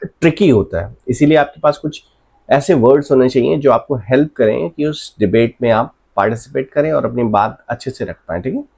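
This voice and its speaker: Mellow-voiced Indian man teaching English. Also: medium pitch, husky. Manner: explanatory, checks in with "alright?" and "right?". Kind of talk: casual spoken lesson. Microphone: voice-over over a screen presentation.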